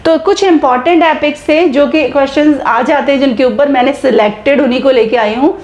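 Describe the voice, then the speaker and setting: Woman, teacher, high-pitched, echoey room, Hindi-English mix, quiz-style check-ins. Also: darkish tone. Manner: mixes Hindi and English, slow deliberate English phrases; checks in often with "okay" and quiz-style questions. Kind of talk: exam-prep lecture.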